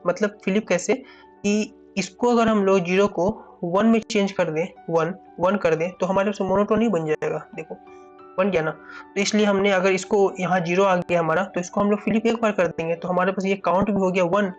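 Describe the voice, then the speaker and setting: A man's voice: sits high, fairly even intonation, moderate pace, muffled recording, faint music behind. A man teaching a coding problem step by step, thinking aloud, often repeating "ठीक है" and restarting phrases. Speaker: coding tutor.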